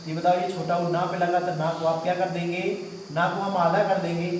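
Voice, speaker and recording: A man's voice: high voice, flat delivery, a little fast, slight background noise. A man teaching a grammar lesson to a class, asking questions and repeating the answers himself. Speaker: Hindi teacher. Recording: echoey room, mic far off.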